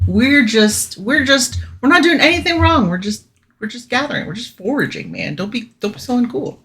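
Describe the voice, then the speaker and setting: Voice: medium pitch, sing-song, moderate pace, a bit bright, pitched above the performer's own voice. A tabletop player voicing an easygoing adventurer who talks in a casual, slangy way. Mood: laid-back. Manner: casual, slangy, mildly scolding.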